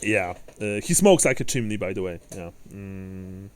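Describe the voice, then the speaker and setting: A man's voice: deep voice, moderate pace, smooth. A man narrating as game master of a tabletop game, rambling with many fillers and restarts.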